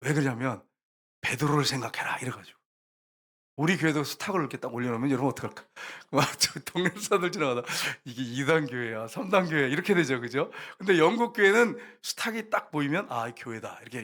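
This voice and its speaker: Man, pastor, higher voice, sermon, lively storytelling, acts out voices, talks to congregation. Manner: often addresses the congregation directly.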